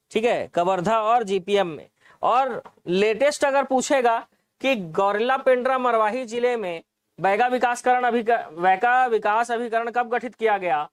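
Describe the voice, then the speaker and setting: A man's voice: very high voice, clear, resonant tone, no room sound. A man teaching an exam-prep lesson, explaining answers, repeating key points and asking the class rhetorical questions.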